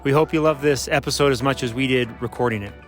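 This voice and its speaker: A man hosting a podcast, giving an upbeat, brisk introduction and team announcements with frequent fillers. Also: medium pitch, faint music behind. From Utah. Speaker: podcast host.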